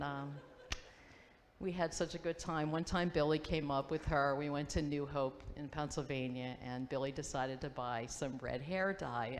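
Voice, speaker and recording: A woman in her fifties shares memories of an old friend in a school auditorium. Her voice sits low, and she pauses and restarts as she reminisces, now and then acting out quoted voices. A long hall reverb and faint room ambience surround her. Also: a little hiss or hum. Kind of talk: memorial tribute, storytelling.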